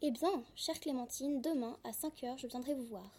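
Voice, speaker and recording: A woman's voice: sits high, normal speed, warm tone. A woman reading aloud the lines of a passionate, impulsive young noblewoman in a storybook reading. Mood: urgent.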